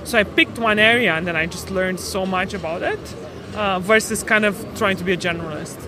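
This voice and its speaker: A Romanian woman in her thirties, a startup co-founder, explains her work matter-of-factly as a guest on a podcast interview. Her voice is medium-pitched and fairly quick, with noisy street sounds behind her.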